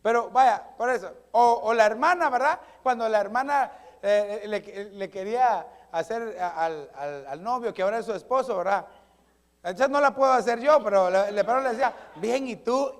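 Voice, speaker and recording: A male pastor with a high voice preaching a sermon. He swings between loud, rising declarations and quiet, almost whispered asides, and keeps checking in with the congregation. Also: moderate pace. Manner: often adds questioning "¿verdad?" to engage the congregation.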